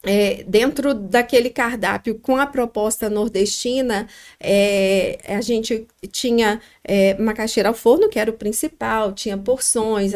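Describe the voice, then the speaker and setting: A middle-aged woman with a Minas Gerais accent, telling her story as a podcast guest, reflective and pausing often with fillers. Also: a little high, darkish tone. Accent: Minas Gerais Brazilian Portuguese. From Minas Gerais, Brazil. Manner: reflective, pauses with frequent fillers. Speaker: guest, restaurant founder.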